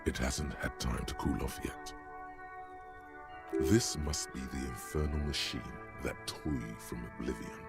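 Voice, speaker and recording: A man's voice: rumbling low, fairly even intonation, a little slow, gravelly, heavily acted. A man narrating a game in a dramatic, descriptive manner. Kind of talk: scripted narration. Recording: game audio with music behind.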